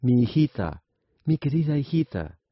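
A man's voice: lowish voice, expressive, normal speed, dry recording. A man playing a gold-loving old king in a storybook radio tale, on a dull lo-fi recording. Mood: grieving. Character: greedy old king, later grieving.

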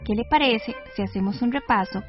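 Lady hosting a school radio show, clear teacherly talk, muffled lo-fi sound. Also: fairly high pitch, fairly quick, over music. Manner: clear, didactic. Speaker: radio lesson host. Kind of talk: scripted educational radio. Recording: dull lo-fi radio recording.

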